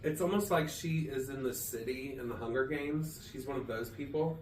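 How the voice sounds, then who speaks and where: A man with a medium-pitched voice co-hosts a podcast at a moderate pace, joking around and wandering off topic in a casual comedy chat. The garage recording is echoey, with him distant from the mic and faint noise audible.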